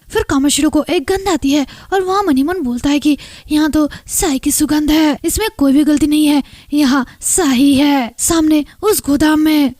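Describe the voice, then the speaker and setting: A woman's voice: high voice, no echo, studio quality. A woman retelling a story plot as a channel host, steadily reporting each character's lines in turn. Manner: steady recap, reporting every line of dialogue. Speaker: story explainer.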